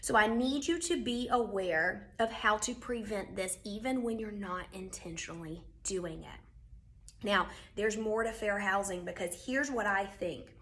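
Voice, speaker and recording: A woman's voice: medium pitch, measured pace, fairly bright tone. Emphatic woman teaching a class. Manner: direct, emphatic, repeats key points. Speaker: real estate instructor. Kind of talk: recorded lecture.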